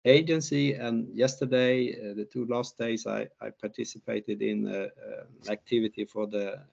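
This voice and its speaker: A man's voice: lowish voice, fairly even intonation, normal speed, vocal fry, a little mellow, husky. An older man presenting research findings on a video call, hesitant with many fillers and restarts. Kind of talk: online conference talk and Q&A. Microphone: laptop mic on video call. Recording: muffled video call audio.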